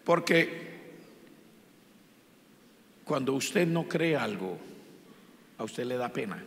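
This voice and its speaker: A man's voice: medium pitch, expressive, takes it slowly, vocal fry, fairly bright tone. A man with a Colombian accent preaching a sermon as pastor, impassioned and emphatic, driving points home by repetition. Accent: Colombian Spanish. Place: church sanctuary. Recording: long church reverb.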